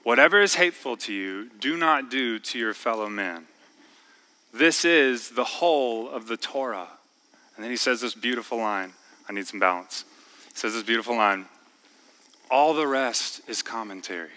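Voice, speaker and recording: A man preaching a sermon in a church, talking in a conversational way and slowing down to stress key words. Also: mid-range voice, bright, forceful tone, rough recording. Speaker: pastor. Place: church sanctuary.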